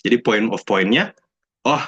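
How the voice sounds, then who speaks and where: A man's voice: medium pitch, a little fast, a bit bright. A young man speaks in a mid-range voice, talking casually to a room of students. He keeps it chatty, slips into English phrases and acts out the people he quotes. The recording sounds dull and lo-fi. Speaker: alumnus speaker.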